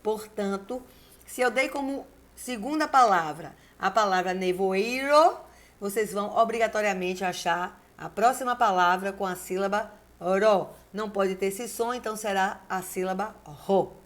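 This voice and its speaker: A woman, a teacher giving a video lesson, who dictates slowly and repeats key words syllable by syllable while encouraging her class. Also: mid-range voice, fairly bright tone. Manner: encouraging, addresses the class directly. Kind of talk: video lesson with word exercises.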